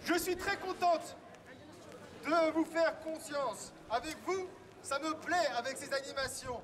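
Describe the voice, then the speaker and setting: Very high-pitched male town crier, declaiming outdoors. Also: unhurried. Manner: declaimed, projected public crying. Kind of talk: town crier proclamation, reading out messages and announcements to a street crowd. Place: outdoors in an urban street. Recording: outdoor street recording with crowd. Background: crowd and street sounds.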